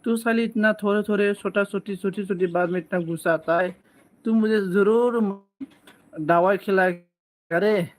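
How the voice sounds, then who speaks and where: Guy doing a chill live stream, reads comments out slow, teases people, keeps coughing, kinda high voice. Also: fairly even intonation. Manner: slow, playful teasing banter with frequent coughs. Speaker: live-stream host reading viewer comments. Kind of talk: casual live-stream chat.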